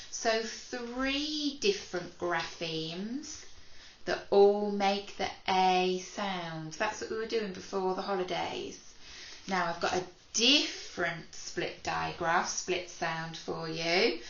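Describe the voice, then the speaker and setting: A woman teaching a phonics lesson to young children to camera, speaking slowly and clearly with frequent praise. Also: on the low side, echoey room, lo-fi sound, a little hiss or hum. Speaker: primary school teacher.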